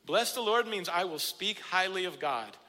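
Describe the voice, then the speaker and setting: Pastor, male, high bright tone, emphatic sermon delivery in a reverberant church hall. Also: lively intonation, normal speed. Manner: preaches with rising, emphatic declarations. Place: church sanctuary.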